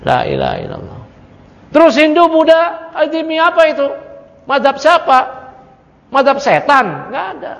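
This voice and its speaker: A man with a high voice gives an animated religious lecture and keeps throwing rhetorical questions at his audience. The recording is dull and lo-fi, with a long echo. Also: normal speed, vocal fry, pauses often. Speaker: Islamic religious teacher. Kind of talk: study-circle lecture on a creed text. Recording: echoey hall, dull lo-fi sound.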